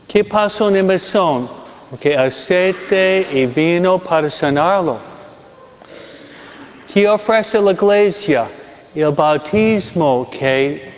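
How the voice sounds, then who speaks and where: An animated, high-pitched preacher in his sixties from Michigan, United States, speaks slowly and deliberately, repeating phrases for emphasis as he tells a personal anecdote in his sermon. The recording has a little hiss or hum and dull sound in a long-reverberant hall.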